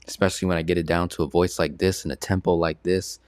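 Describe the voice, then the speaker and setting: This personal finance coach has a low, smooth, darkish voice with little pitch movement, and he speaks fast. In a casual online presentation he keeps the tone conversational, often asking "right?". There's no echo.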